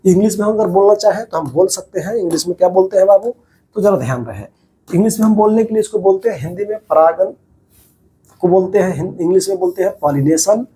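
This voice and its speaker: A man's voice: sits high, fast talker, warm tone. A man teaching a biology class over diagrams, repeating each key term as a question to his students and calling them "babu".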